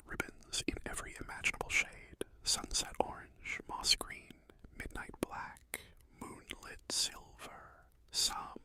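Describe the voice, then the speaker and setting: A storyteller narrating an ASMR bedtime story in a hushed, soothing whisper, pausing often between phrases. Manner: slow, hushed, soothing delivery with pauses.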